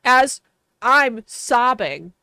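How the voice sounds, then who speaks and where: A woman from Wisconsin, USA, speaks extremely slowly yet animatedly in a fairly high voice with vocal fry and a bright, forceful, clear, resonant tone. Chatting casually in her Wisconsin accent while streaming a game, she laughs often and says "like" a lot; the clean studio recording has no room sound.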